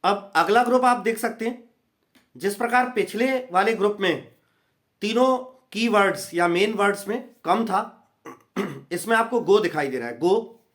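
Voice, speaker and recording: A man's voice: sits high, a bit bright. A man teaching English verb forms in a grammar lesson, repeating each word in rhythmic drills. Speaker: English tutor. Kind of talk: Hindi-language grammar lesson.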